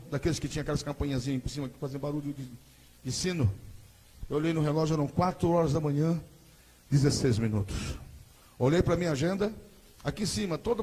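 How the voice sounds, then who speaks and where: A man with a Brazilian Portuguese accent giving a dramatic testimony sermon at a church service, rising into shouted preaching. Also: a little high, husky.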